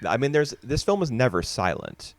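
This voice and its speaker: A man's voice: medium pitch, very animated, normal speed. A man co-hosting a podcast, talking films casually with frequent restarts and fillers. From United States. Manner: hesitant, restarts often, chatty. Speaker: podcast co-host. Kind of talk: casual film discussion.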